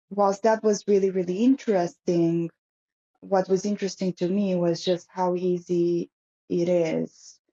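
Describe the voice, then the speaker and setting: A woman with a low, mellow voice chats casually as a podcast co-host, telling stories in an easy, rambling way. Her recording sounds dull and lo-fi. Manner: chatty, storytelling, says "whilst". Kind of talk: casual chat.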